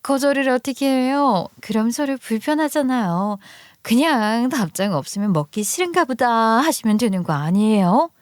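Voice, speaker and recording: A curt, dismissive young wife, read out by a woman who brushes people off and boasts about herself. Her voice sits a little high and sounds close and dry, with no room around it. It plays as acted dialogue in a narrated story. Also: lively intonation, moderate pace, no echo, natural voice.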